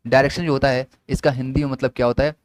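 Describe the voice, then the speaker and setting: A man's voice: mid-range voice, flat delivery, rapid-fire, smooth. Man drilling a lesson with repeated questions. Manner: repetitive question-and-answer drilling. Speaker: teacher. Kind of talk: classroom lesson explaining at a whiteboard.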